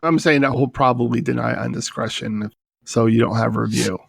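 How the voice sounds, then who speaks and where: A man's voice: mid-range voice, fairly even intonation, normal speed, creaky, breathy edge, dry recording. A man hosting a casual podcast chat, asking questions and dropping dry, sarcastic interjections.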